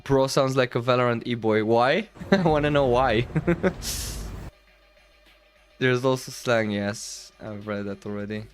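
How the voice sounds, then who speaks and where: A man's voice: medium pitch, measured pace, pauses often, faint music behind. A young man from the Balkans chatting casually on a stream over vlog footage, rambling with lots of fillers and laughing easily. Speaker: streamer host.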